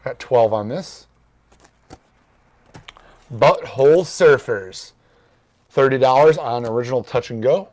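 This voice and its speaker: A relaxed man hosts a record shop's morning show. He talks through one record after another, naming prices in an easy, offhand way at a middling pitch. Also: a little fast, few pauses. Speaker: record store host. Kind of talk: casual show-and-tell.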